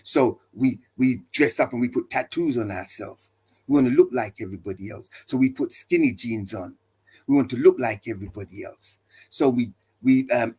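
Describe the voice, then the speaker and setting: Here the male pastor's voice is mid-range, a little mellow and slightly rough. He preaches by stacking emphatic refrains and rhetorical questions to drive his points home.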